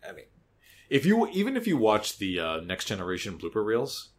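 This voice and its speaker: Low-voiced man, animated podcast host. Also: brisk. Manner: animated, swears freely, many restarts. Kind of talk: casual chat.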